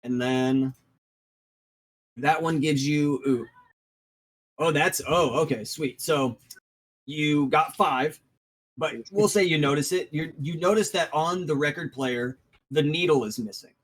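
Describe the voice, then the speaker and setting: A man's voice: fairly high pitch, measured pace, long pauses, rough recording. A man narrating as game master in a tabletop game played online, hesitant and full of restarts. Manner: hesitant, many restarts and ums.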